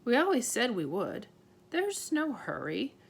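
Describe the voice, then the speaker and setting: A woman reading aloud and voicing a tiny, plain-spoken borrower father who talks in homely, ungrammatical phrases with calm reassurance. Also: fairly high pitch, unhurried, creaky, husky, full character voice. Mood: steady.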